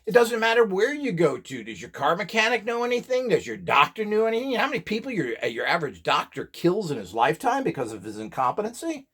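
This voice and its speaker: He talks fast with few pauses, his high voice swinging widely in pitch, the tone fairly bright with a breathy edge. As a seller of radionics devices, he lectures casually and bluntly, scoffing, stressing points, posing rhetorical questions and parodying quotes.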